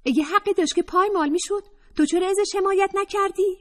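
A woman's voice: very high voice, voice pushed up. Woman doing a brash, sassy girl. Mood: challenging. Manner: sassy, loud and mocking. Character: brash, teasing young woman student.

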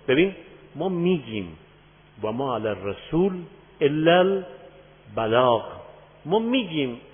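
A man who works as a marriage counselor gives a lecture on marriage, telling anecdotes and asking rhetorical questions. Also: mid-range voice. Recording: echoey hall over tinny phone-like audio.

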